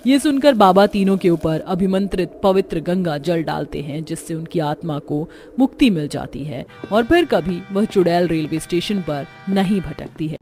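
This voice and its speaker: A woman's voice: lowish voice, moderate pace, hardly any pauses, darkish tone, soft background music. A woman narrating a cartoon horror story in a dramatic, suspenseful storytelling style.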